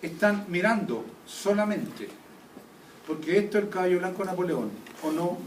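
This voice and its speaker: A man's voice: high voice, expressive, normal speed. A man teaching an anatomy class, constantly quizzing students with check questions. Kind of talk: classroom lecture. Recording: echoey room, taped from a distance, faint noise.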